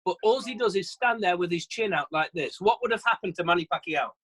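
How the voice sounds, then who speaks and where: Guy running a sales training over video call, high-ish voice, chatty, keeps restarting sentences. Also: lively intonation, fast talker, a bit bright, slightly rough, poor audio. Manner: chatty, self-deprecating, repeats and restarts phrases. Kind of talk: virtual training session.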